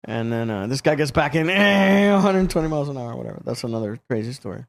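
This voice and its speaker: A man's voice: mid-range voice, expressive, very fast, a little mellow. A man telling a profane, rambling story on a casual podcast, laughing often. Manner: profane, laughing, acts out voices in anecdotes. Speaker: podcast host.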